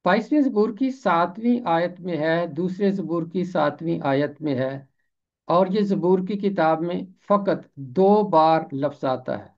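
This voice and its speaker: A man's voice: high-pitched, darkish tone, dull audio. A man teaching the pronunciation and meaning of words, saying each term carefully and repeating it for clarity. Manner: deliberate, repeats each word slowly for clarity. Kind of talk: explanatory lesson on word pronunciation.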